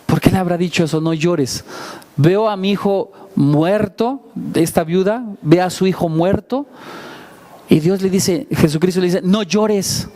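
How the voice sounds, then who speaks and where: A pastor with a high, mellow voice preaches a sermon at a moderate pace. His style is conversational, full of rhetorical questions and self-deprecating asides.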